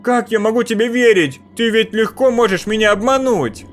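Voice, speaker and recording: A man voicing a frightened, stubborn young boy who shouts in a strained voice. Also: high-pitched, normal speed, faint music behind, pitched above the performer's own voice, lightly acted. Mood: desperate.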